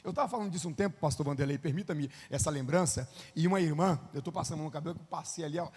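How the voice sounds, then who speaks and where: A male pastor with a Brazilian Portuguese accent, preaching a sermon. He swings between quiet asides and shouted passages, and has the congregation repeat phrases after him. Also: a little high, rapid-fire, breathy edge. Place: church hall. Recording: long reverb of a church hall.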